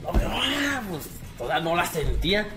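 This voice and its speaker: A man's voice: high-pitched, very animated, normal speed, music in the background. A man with a Mexican accent, telling a story in a casual podcast chat with many fillers and restarts. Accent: Mexican Spanish. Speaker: podcast guest.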